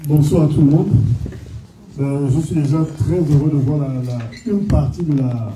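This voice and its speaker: A man from Gabon speaks to a community gathering, earnest and formal but hesitant, stumbling through fillers. His voice is slightly high yet dark in tone. It is caught from far off in a roomy, echoing hall with faint ambient noise. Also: moderate pace. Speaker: political activist addressing the diaspora. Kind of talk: public speech at a community gathering. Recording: echoey room, from far off, faint background noise.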